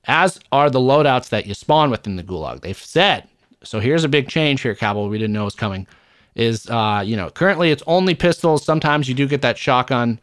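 A man's voice: medium pitch, lively intonation, fairly quick, a bit bright, clean tone, no room sound, studio quality. A man co-hosting a gaming podcast, talking bluntly and opinionated with plenty of swearing. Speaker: podcast co-host. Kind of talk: casual gaming podcast chat.

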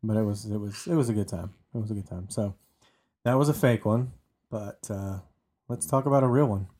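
A man's voice: lowish voice, a little fast, a little mellow. A man co-hosting a casual true-crime podcast, chatty and often repeating words as he restarts. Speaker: podcast co-host telling the story.

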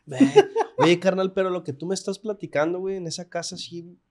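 A man with a Mexican accent hosts a casual chat. He mostly reacts with short words and asks prompting questions. His voice is a little high for a man. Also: flat delivery, a little fast. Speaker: podcast host.

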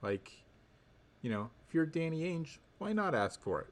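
A man co-hosting a sports podcast, giving casual analysis in halting, thoughtful phrases. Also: on the high side, very animated.

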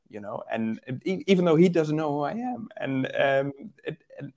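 Hesitant Dutch-born man, guest photographer. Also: mid-range voice. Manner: hesitant, many fillers and restarts. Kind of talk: casual interview chat.

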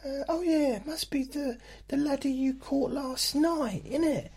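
A man voicing a nagging ogre's wife in a high falsetto, ranting. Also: a little slow, a little mellow. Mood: exasperated nagging. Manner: ranting, ad-libbed complaints in falsetto. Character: nagging old ogre's wife, shrill and scolding.

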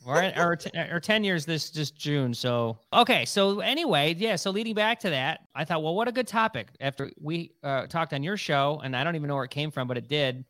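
A man's voice: a little high, animated, brisk, hardly any pauses, fairly bright tone, dry recording. A middle-aged man hosting a podcast, talking in a rambling, chatty way with many fillers. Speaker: podcast host. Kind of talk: casual podcast chat.

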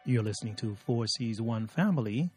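A middle-aged man hosting a podcast from an office studio, chatty and lively, with many fillers as he talks to his guest. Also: medium pitch, moderate pace, soft background music. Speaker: podcast host.

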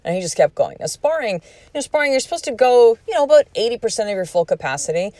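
A woman in her forties hosts a podcast, recounting a personal story with candor and plenty of profanity while acting out what people said in quoted speech. Her voice is on the high side, she talks fast, and there's no echo.

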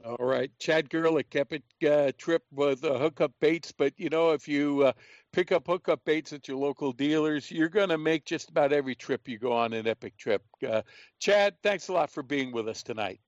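A man's voice: a little high, normal speed, no echo, muffled recording. A man hosting a radio show in a casual, conversational way. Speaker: radio host.

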